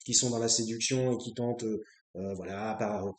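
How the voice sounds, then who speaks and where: A man's voice: fairly low pitch, fairly even intonation, a little fast. A man from France hosting his own show, talking off the cuff in a rambling, blunt and crude way, with many fillers and restarts. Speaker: host. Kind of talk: unscripted casual monologue. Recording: echoey room.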